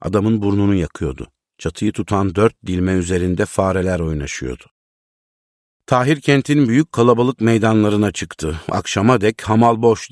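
Deep male narrator, measured literary reading, very dry close sound. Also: darkish tone, no room sound. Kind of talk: storybook reading.

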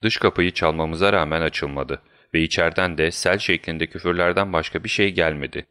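A man reading a story aloud as narrator, with steady storytelling. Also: sits low, a little fast, smooth, no echo, clean studio sound. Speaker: audiobook narrator. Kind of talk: scripted narration.

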